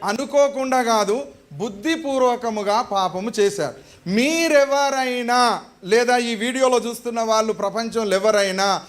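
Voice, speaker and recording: High-voiced preacher. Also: male voice, unhurried. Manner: animated storytelling, asks the congregation questions. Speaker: pastor. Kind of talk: sermon.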